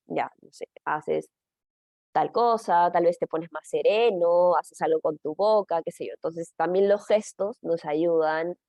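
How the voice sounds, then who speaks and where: A woman's voice: lowish voice, mellow, no room sound, clean studio sound. A middle-aged woman explaining a training session in a conversational way, often checking in with her listeners. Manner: conversational, frequent tag questions and fillers. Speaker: teacher trainer.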